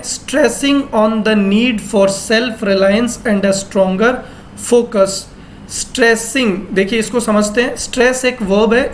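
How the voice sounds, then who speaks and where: Guy teaching english grammar, goes real slow, asks a question then answers it himself, faint hiss behind. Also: high-pitched. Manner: reads English lines slowly, word by word. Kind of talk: classroom lesson explaining a newspaper text.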